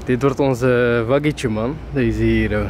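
A man's voice: mid-range voice, fairly even intonation, slow pace, noisy background. A young man chatting on a travel vlog, upbeat and casual, often tagging his sentences with "man", filmed on a handheld camera. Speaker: travel vlogger. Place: outdoors and in a parked minivan.

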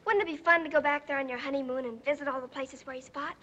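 A woman's voice: sits high, steady tone, fast talker, a bit bright, dull audio. An actress playing a sarcastic, teasing teenage girl in a 1940s film. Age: teens. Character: cheeky teenage younger sister, teasing. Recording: noisy old film soundtrack.

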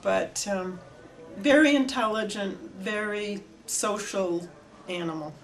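A woman's voice: mid-range voice, slow pace. Older woman telling her story. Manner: animated storytelling, gestures with hands. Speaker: oral history interviewee. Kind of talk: reminiscing interview. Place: indoor room before flags.

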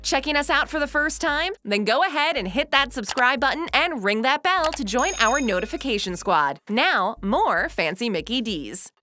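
A woman narrating a scripted countdown list in an upbeat, even read. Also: sits high, moderate pace, few pauses.

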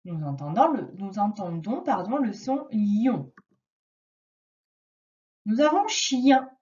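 A woman teaching a reading lesson to a young child, slowly and patiently stressing each sound. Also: medium pitch, big pitch swings, dark tone, distant mic, muffled recording. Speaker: primary school teacher.

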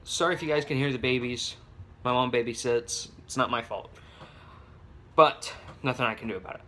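A man's voice: mid-range voice, fairly quick, sharp tone. A young man making a casual home vlog on his phone, rambling with many restarts and fillers. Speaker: vlogger. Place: home with babies heard nearby. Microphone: phone camera.

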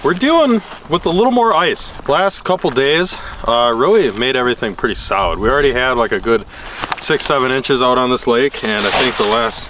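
A young man narrates an outdoor vlog in a laid-back, wry manner, his voice at an ordinary middle pitch. Clear outdoor noise runs under his speech. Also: expressive, a little fast. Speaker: vlog co-host. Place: outdoors on a frozen lake.

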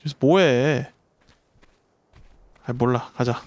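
A man's voice: mid-range voice, slow pace, no room sound. A man streaming a survival game, talking to his creatures and his chat and yelping when startled. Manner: excitable, yelps and swears when startled; talks to the creatures and the chat while playing. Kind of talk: live gameplay commentary.

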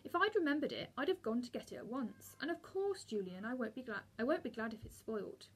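A woman's voice: a little high, very animated, fairly quick, slightly rough. A woman reading the part of a spirited schoolgirl who talks earnestly and defensively. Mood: pleading.

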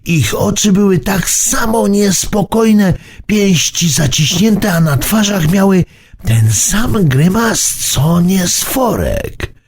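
Slow, expressive storybook narrator, a man. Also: sits high.

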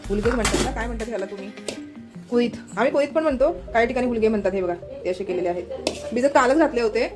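A woman's voice: a little high, racing, music in the background. A woman vlogging at home, chatting casually and pointing things out to her viewers. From Maharashtra. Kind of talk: casual home vlog narration.

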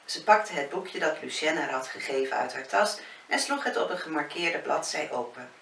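A woman author reading her own novel aloud in a calm audiobook narration. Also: sits low, moderate pace. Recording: roomy, distant, faint hiss.

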